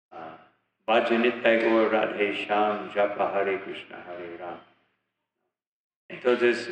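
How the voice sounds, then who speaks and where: A man giving a religious talk, retelling stories of teachers in a halting way with many fillers and restarts. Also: mid-range voice, a bit bright, a little hiss or hum. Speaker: spiritual teacher. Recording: echoey hall, dull lo-fi sound.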